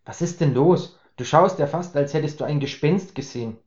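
A man voicing an easygoing, matter-of-fact neighbor who chats in a relaxed way, in a spoken story. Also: a little high, moderate pace, close to an everyday voice. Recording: roomy, slightly dull recording.

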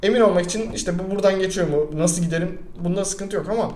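A young man co-hosting a casual talk show, spilling anecdotes at high speed with a joking, rambling energy. His voice sits somewhat high yet sounds dark and mellow. The room around him has a noticeable echo. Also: quick pace, slight background noise. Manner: rambling, joking, animated storytelling. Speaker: podcast co-host. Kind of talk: casual chat.

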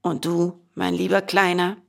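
A woman voicing a plump, sly little coachman in a storybook, speaking softly in a sugary, wheedling way. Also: lowish voice, level tone, unhurried, creaky, heavily acted.

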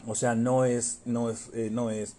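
A Mexican man from Yucatán in a casual podcast chat, crude and joking, swearing nearly every line, with a scratchy throat he keeps clearing. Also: mid-range voice, little pitch movement, a little slow, mellow. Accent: Mexican Spanish. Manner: crude, swears constantly, jokey. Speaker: podcast co-host.

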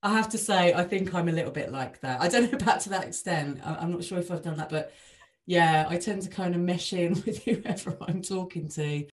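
A woman's voice: lowish voice, brisk. A woman hosting a casual conversation, asking questions and chatting along informally. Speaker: host.

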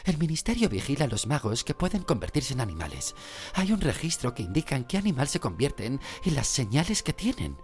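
A man voicing a clever teenage schoolgirl witch who speaks in a high, quick, earnest lecturing way. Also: huge pitch swings, darkish tone, soft background music.

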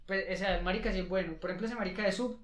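High-voiced young man, echoey room. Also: rapid-fire. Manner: slangy, animated, acts out quotes. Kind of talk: casual chat about freestyle rap battles.

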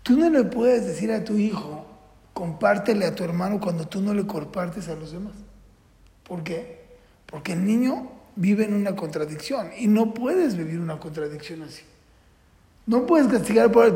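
A man's voice: high voice, lively intonation, moderate pace, gravelly, mellow. A man lectures on parenting in an earnest, patterned way. He poses questions to the room and answers them himself. His voice rings through a reverberant hall. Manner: earnest, repeats rules in patterns, asks and answers own questions. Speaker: religious parenting teacher. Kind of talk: classroom lecture. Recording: echoey hall with long reverb.

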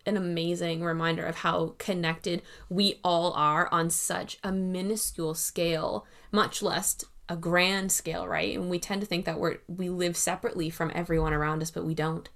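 A woman hosting a casual podcast, thoughtful and enthusiastic, trailing and restarting as she talks. Her voice is a bit low for a woman. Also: flat delivery, normal speed, few pauses, fairly bright tone. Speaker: podcast host.

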